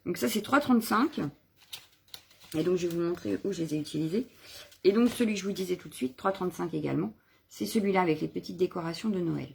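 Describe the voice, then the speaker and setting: A woman hosts a relaxed live craft session, talking through stamps and stencils in a loose, chatty way. Her voice is husky with a gravelly edge, and she often corrects herself mid-sentence. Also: on the low side, quick pace. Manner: chatty, rambling, many fillers and self-corrections. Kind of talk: casual live craft show-and-tell.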